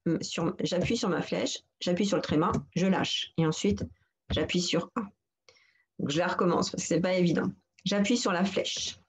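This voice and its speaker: A woman teaching a computer lesson for seniors, patiently walking through each step and repeating instructions. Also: on the low side. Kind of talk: screen-recorded tutorial narration.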